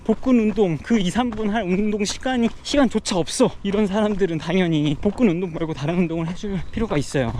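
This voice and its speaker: Male fitness vlogger, slightly high voice, explaining casually while running outdoors, faint street noise. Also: a little mellow. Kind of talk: casual explanatory vlog talk.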